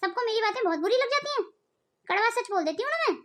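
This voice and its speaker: A woman voicing a taunting, sharp-tongued mother. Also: extremely high pitch, lively intonation, fast. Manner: taunting, scolding. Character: sharp-tongued scolding middle-aged mother. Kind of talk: cartoon voice acting.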